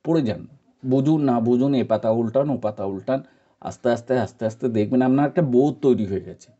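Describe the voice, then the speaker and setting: A man from India talks through a lesson. His voice is very dark and mellow, and his patient, repetitive advice comes with many pauses and fillers. The recording sounds dull and lo-fi. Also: mid-range voice. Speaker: teacher giving advice. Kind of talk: informal spoken lesson.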